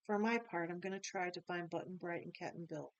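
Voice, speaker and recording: A woman's voice: lowish voice, brisk, dry recording, dull audio, close to an everyday voice. A woman voicing a frank, kind little girl who speaks her mind plainly, in a storybook reading. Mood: earnest. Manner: earnest, plain.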